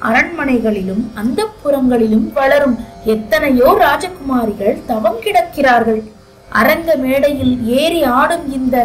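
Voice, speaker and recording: A woman's voice: high-pitched, low-quality recording. A woman narrator voicing an angry, hurt young dancer who talks bitterly through her pet deer, over faint music. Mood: wounded.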